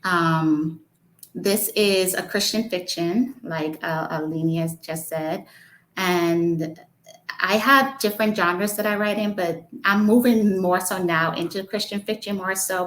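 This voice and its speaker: A woman's voice: fairly low pitch, fairly bright tone, poor audio. A woman from the Bahamas, an author talking hesitantly, with frequent ums, and reading from her book.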